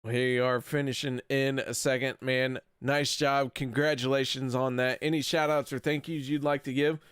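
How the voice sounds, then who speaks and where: A man's voice: mid-range voice, little pitch movement, normal speed, a bit bright, clean tone, dry recording, studio quality. A man with a standard American accent, interviewing racers in a casual, jokey, informal way. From United States. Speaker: race broadcast interviewer. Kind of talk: casual post-race interview.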